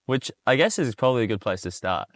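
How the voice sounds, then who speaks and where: A man's voice: medium pitch, very animated, quick pace, no room sound. A man hosting a podcast interview, asking long, easygoing questions with restarts. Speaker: podcast host. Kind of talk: casual interview chat.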